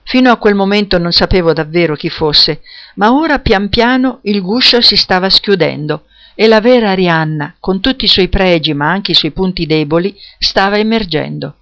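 An audiobook reader narrating a story in a steady, measured storytelling voice. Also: medium pitch. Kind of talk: scripted narration.

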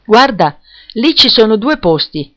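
A woman's voice: fairly high pitch, big pitch swings, measured pace, fairly bright tone, pitched above the performer's own voice. A woman voicing a friendly young woman who is eager and encouraging. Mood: cheerful.

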